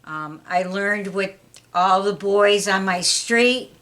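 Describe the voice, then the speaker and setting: A middle-aged woman answering her son's questions in an unhurried, plain, matter-of-fact way. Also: medium pitch, fairly bright tone. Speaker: interview guest, mother of the host. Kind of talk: casual family interview.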